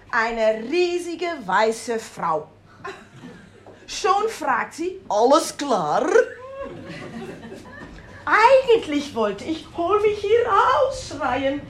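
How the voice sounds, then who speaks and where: Reading a humorous tale with a Dutch accent, this comic storyteller has a high, fairly bright voice. She's playful and self-mocking, throwing in exclamations, and the recording sounds roomy with faint ambience.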